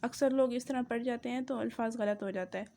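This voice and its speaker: A woman teaching Quran reading, sounding out syllables in slow, emphatic drills. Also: a little high, steady tone, vocal fry, dark tone. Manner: drawn-out, emphatic pronunciation drills.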